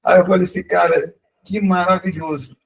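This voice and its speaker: A man's voice: high-pitched, level tone, moderate pace, creaky, a little hiss or hum. A man with a Brazilian accent shares a casual testimony at a church meeting, with lots of fillers. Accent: Brazilian Portuguese. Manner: casual, filler-heavy, says cara often. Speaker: church group member giving a testimony. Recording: voice from far off the mic.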